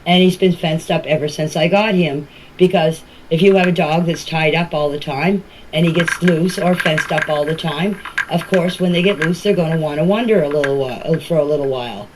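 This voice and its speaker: Here a deep-voiced older woman, Canadian Maritime in accent, talks at a moderate pace about a case involving her family. Her informal answers circle back and get rephrased often, and the amateur audio is noisy with clicks.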